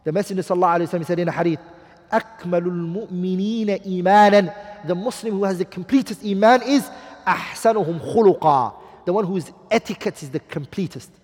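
This Islamic teacher's voice sits high and moves fast, with lively intonation and a slightly rough, mellow edge, echoing in a big room. Teaching about marriage, he presses his points emphatically, asks students rhetorical questions, and cites Arabic hadith and poetry.

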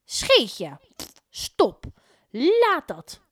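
A woman voicing a flustered, excitable woman treasure hunter in a children's story, with high, squealing exclamations. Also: unhurried, dry recording, full character voice. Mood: bossy.

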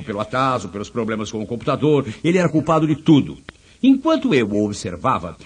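A motivational speaker with a Brazilian accent delivers an emphatic talk full of anecdotes and rhetorical questions. His voice is husky and mid-range.

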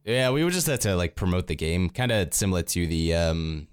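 A man's voice: deep voice, lively intonation, a little fast, clean tone, dry recording. A man co-hosting a casual podcast, sounding sick and talking in a rambling way with many fillers. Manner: rambling, filler-heavy talk. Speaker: podcast co-host.

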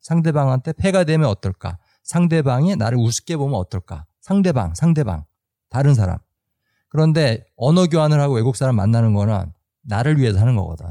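A man's voice: medium pitch, big pitch swings, a little fast, dark tone, dry recording, studio quality. A man hosting a podcast, speaking emphatically and repeating phrases for effect. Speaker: host.

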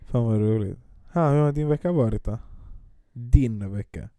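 A man chats easily, piling up fillers as he tells a home story. His voice is very dark and mellow, and it sits close and dry with almost no room sound. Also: mid-range voice, no echo. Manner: laid-back storytelling with frequent fillers. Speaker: parent. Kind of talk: casual chat.

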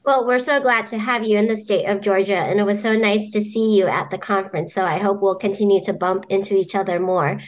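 A woman's voice: medium pitch, steady tone, fairly quick, hardly any pauses, slight background noise. A woman host welcoming a guest and asking friendly interview questions.

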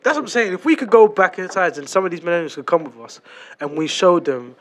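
High-voiced young London roadman. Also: animated, fast. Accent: London roadman, urban slang. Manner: slangy, repetitive, exclamatory. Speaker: podcast co-host. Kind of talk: casual banter, reminiscing.

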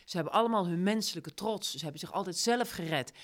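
A woman leading a casual discussion of a story, retelling scenes with lively quoted lines. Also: on the low side, fast talker. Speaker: discussion leader.

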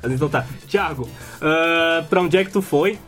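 A man's voice: on the high side, normal speed, fairly bright tone. Southern Brazilian man hosting a casual chat, long rambling questions, faint music behind. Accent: southern Brazilian Portuguese. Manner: rambling, conversational. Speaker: host. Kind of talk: casual podcast interview.

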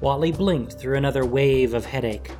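A narrator reading a fantasy story in an animated, expressive way. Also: medium pitch, moderate pace. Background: background music.

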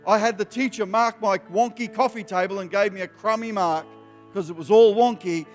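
A man in his fifties preaching an emphatic sermon to young people, his voice rising in animated bursts. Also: high voice, moderate pace. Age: 50s. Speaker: youth preacher. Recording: live hall with long reverb, soft music behind.

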